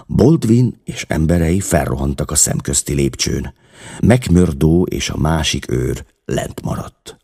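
Deep, gravelly male storyteller. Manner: dramatic, expressive reading. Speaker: narrator. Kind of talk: audiobook reading.

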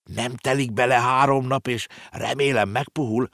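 A man's voice: dry recording, clean studio sound, close to an everyday voice. A man voicing an earnest, know-it-all little girl in an audiobook reading. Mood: explaining. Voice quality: high, lively, explaining.

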